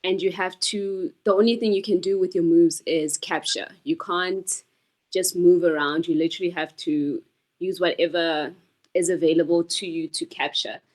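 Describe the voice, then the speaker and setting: A woman's voice: on the low side, steady tone, moderate pace, a little mellow. A woman game developer explaining her puzzle game in a casual chat, patiently, with many ums.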